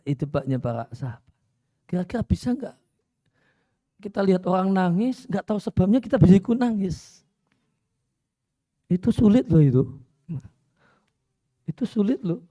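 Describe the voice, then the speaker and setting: A man preaching a religious study lecture in a conversational way, repeating phrases, dropping in Arabic, and often pausing on "ya". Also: high-pitched, warm tone, no echo, clean studio sound. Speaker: Islamic preacher.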